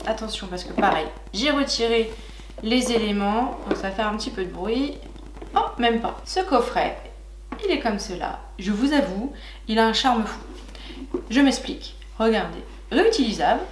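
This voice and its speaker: A young woman chatting warmly to her viewers while unboxing makeup, gushing and filling pauses with little hesitations. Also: on the high side, echoey room, slight background noise. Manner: chatty and gushing, many fillers, talks to viewers as "licornes". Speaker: beauty vlogger. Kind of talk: casual makeup haul chat.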